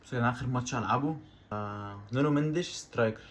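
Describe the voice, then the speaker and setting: A man with an Egyptian Arabic accent talks over his football video game in quick, tumbling bursts. He gets excitable and says the same exclamation several times in a row. His voice sits at an ordinary middle pitch. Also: slight background noise. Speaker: gaming YouTuber. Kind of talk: let's-play commentary.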